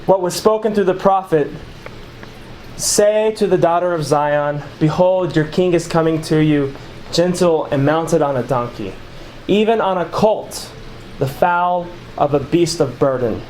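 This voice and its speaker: A man leads an informal Bible study in a small room, reading scripture aloud and explaining it conversationally to a small group of listeners. His voice is on the high side, unhurried and a little mellow, in a rough recording with slight background noise.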